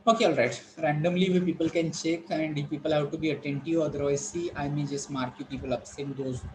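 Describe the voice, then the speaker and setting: Teacher lecturing online. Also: male voice, fairly high pitch, steady tone, noisy background. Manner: explaining slowly with many fillers and repetitions. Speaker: college English teacher. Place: online class.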